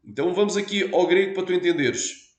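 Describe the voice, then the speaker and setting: A man's voice: high-pitched, fast talker, reverberant. A man with a European Portuguese accent, a pastor explaining a point patiently in a teaching sermon and asking his listeners for assent.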